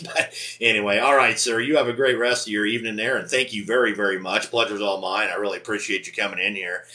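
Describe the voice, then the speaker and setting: A man on the air at his home ham radio station, chatting casually and warmly with the people who call in. His voice sits a little low but has a very bright, forward edge. He signs off slowly, spelling out call signs. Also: fairly even intonation. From Montana. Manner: friendly, drawn-out sign-offs with repeated "Roger, Roger".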